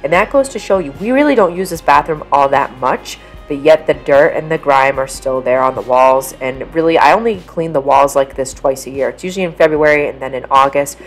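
Low-voiced woman narrating home cleaning. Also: brisk, hardly any pauses, faint music behind. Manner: chatty, practical, relaxed explaining. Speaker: cleaning vlogger. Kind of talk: casual voice-over narration.

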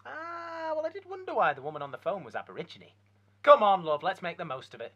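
A man playing a hapless, flustered husband who stammers, with a husky voice. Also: sits high, sing-song, fast talker, sharp tone, muffled recording, exaggerated voice.

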